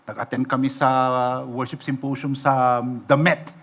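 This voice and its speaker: A man's voice: medium pitch, level tone, measured pace, fairly bright tone, breathy edge. A middle-aged Filipino man preaching in church, telling stories and asking the congregation rhetorical questions, slipping in English phrases. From Philippines. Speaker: pastor. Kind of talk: sermon. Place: church sanctuary, livestream.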